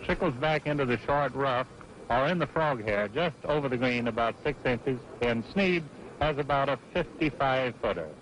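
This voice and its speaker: A man's voice: medium pitch, normal speed, fairly bright tone. A man giving golf commentary on a televised match in a folksy play-by-play manner. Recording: noisy old broadcast audio.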